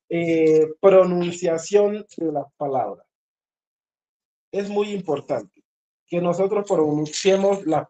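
Patient, mellow singing teacher, muffled sound. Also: mid-range voice. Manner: patient, repeats points and checks in with listeners. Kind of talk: group voice lesson.

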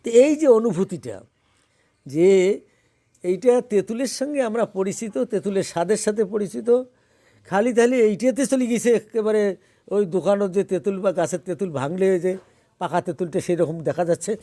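A man leads a small group in spiritual teaching. His voice sits high for a man, and he asks his listeners questions as he explains. The sound is close and dry. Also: lively intonation, warm tone, no room sound. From Bangladesh. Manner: explains by asking questions, then chants slowly. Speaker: religious teacher.

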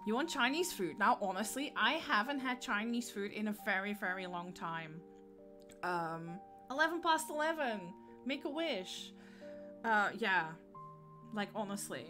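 A woman's voice: medium pitch, expressive, unhurried, music in the background. A woman with a Dutch accent chatting casually on a gaming livestream, giggling often and greeting viewers by name.

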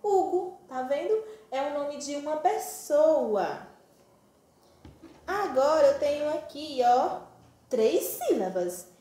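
A woman from northeastern Brazil teaching syllables to preschoolers in a slow, sing-song, affectionate way, stretching each syllable. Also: high-pitched, sing-song, warm tone. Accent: Brazilian Portuguese, Pernambuco. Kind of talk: slow, sing-song phonics lesson for small children. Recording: very echoey room.

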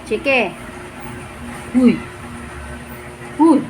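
A young woman chatting to her pet in teasing, sing-song baby talk that jumps up high when she coaxes it. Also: lively intonation, extremely slow, over loud music, low-quality recording. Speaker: pet vlogger. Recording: loud background noise.

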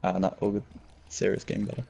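A man's voice: fairly low pitch, fairly even intonation, fast talker, gravelly, dark tone, a little hiss or hum. A man with a New Zealand accent, talking casually with teammates in a gaming voice chat. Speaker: gamer.

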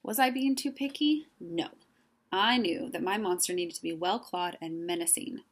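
A woman reads a children's picture book aloud with expressive storytelling. Her voice is fairly low and her pace normal.

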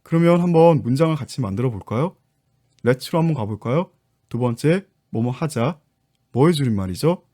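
A man's voice: mid-range voice, lively intonation, normal speed, dark tone. A man teaching an online English lesson, patiently explaining step by step to his viewers. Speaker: English teacher and book author.

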